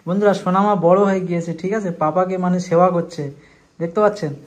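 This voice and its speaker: A man's voice: high-pitched, steady tone, quick pace. A man hosting a casual vlog on a home visit, friendly and addressing viewers directly. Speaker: vlog host.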